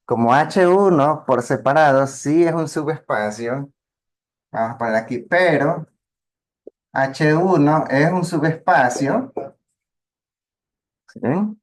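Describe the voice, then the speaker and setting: A man's voice: a little high, takes it slowly, pauses often. A man teaching a math lesson, explaining patiently step by step and checking in with his students. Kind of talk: lecture on linear algebra.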